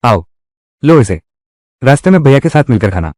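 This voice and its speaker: A man dubbing drama dialogue, his pitch rising and falling freely from line to line. He reads every part in his own everyday voice, close and dry with no room around it. The delivery stays steady across the scenes. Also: moderate pace, dry recording, lightly acted. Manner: voices every role in one voice. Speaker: dubbing voice actor.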